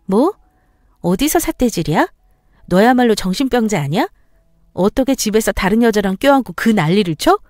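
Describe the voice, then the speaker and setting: A woman acting out a betrayed wife who shouts back with cutting retorts, in a story-radio reading. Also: mid-range voice, lively intonation, moderate pace, no echo, studio quality, soft background music, natural voice. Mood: furious. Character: betrayed furious young wife, sharp-tongued.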